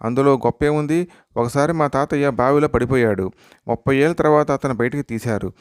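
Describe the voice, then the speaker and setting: A man's voice: medium pitch, a little fast, smooth, no echo, studio quality, natural voice. A man voicing a boastful young man who one-ups his friend in a joke. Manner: bragging, one-upping.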